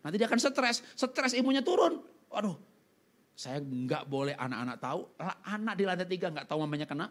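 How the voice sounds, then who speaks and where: A middle-aged man preaches, sharing a personal testimony. His voice sits fairly high and moves widely in pitch, jumping from loud outbursts to quiet, pleading tones. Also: brisk. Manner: animated storytelling, swinging from loud outbursts to hushed pleading. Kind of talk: sermon testimony.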